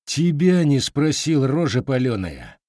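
Audiobook bit part: male reader as a menacing young village bully, sneering, low-key voice. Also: sing-song, measured pace, darkish tone, no room sound, studio quality. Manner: threatening, sneering.

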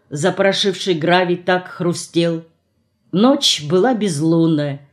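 A woman's voice: fairly low pitch, darkish tone. Woman reading a novel aloud. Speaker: audiobook narrator. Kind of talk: first-person literary narration.

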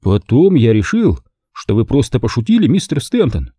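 A man reading an audiobook, voicing a formal butler who speaks in a flat, level tone. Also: mid-range voice, moderate pace, husky, no echo, clean studio sound. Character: stiff, deadpan male butler. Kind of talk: audiobook character voice.

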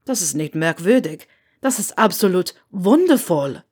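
A woman voicing a lazy, mischievous teenage schoolboy wizard with slow, drawling remarks, in an audiobook reading. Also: lowish voice, very animated, a little mellow, husky, exaggerated voice. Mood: gleeful.

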